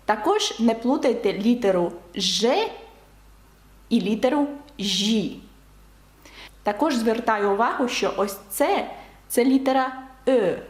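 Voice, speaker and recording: Teacher: woman, higher voice, patient step-by-step explainer, echoey room. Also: expressive, normal speed, a little mellow. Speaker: French teacher. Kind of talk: online video lesson.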